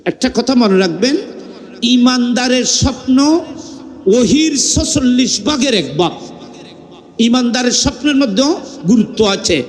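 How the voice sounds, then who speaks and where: A man preaching a fervent sermon, telling a story and rising into sung cries and shouts. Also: very high-pitched, animated, a little slow, pauses often. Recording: long hall reverb.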